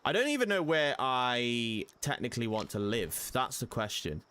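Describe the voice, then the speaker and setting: A man's voice: mid-range voice, very animated, moderate pace, pushed and bright, clean tone. A young man giving casual gameplay commentary as a streamer, chatty and prone to sudden panicked yelps. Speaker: gaming streamer.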